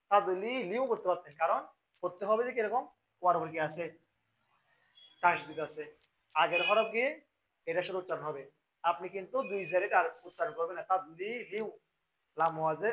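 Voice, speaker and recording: A man with a Bangladeshi Bengali accent teaching Quran recitation, explaining the rules and then chanting the verses slowly and loudly. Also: sits high, poor audio.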